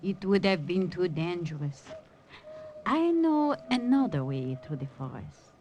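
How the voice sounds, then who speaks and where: A woman's voice: fairly low pitch, big pitch swings, unhurried, dull audio. A watchful older French madame, protective and careful, with a French accent. She is in a vintage radio drama, with faint noise on the old recording. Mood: calm, advising. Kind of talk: 1950s radio drama acting.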